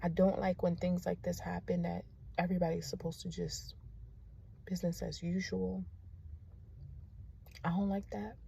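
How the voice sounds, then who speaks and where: A young woman teacher, giving a candid vlog update straight to her viewers, often soft and subdued. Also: on the low side, flat delivery, normal speed, creaky, long pauses, slight background noise.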